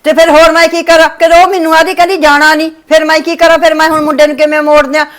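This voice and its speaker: A woman's voice: high-pitched, little pitch movement, rapid-fire, lightly acted. A woman playing an older mother-in-law who pleads and defends herself in a family short film. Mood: defensive.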